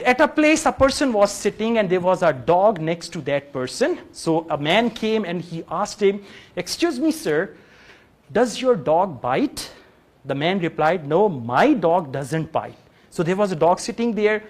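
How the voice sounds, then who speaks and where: A man with a Pakistani English accent teaching a live English class, lively and jokey, slipping into Urdu and Punjabi. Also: sits high. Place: classroom before a live audience.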